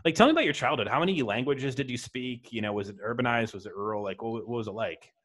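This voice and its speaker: A man hosts a casual podcast interview, chatting conversationally, posing open questions and tossing in jokey asides. His mid-range voice moves at a quick pace with a fairly bright tone.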